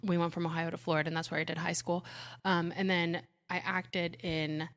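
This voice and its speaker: A young woman from Puerto Rico, a native Spanish speaker, chatting as a podcast guest in an animated, storytelling way. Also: lowish voice, a little fast. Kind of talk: casual conversation.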